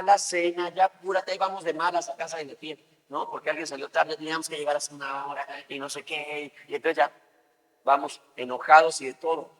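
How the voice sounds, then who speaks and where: Male pastor, fairly high voice, chatty sermon delivery, long hall reverb. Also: fairly bright tone. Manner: conversational, acts out everyday scenes.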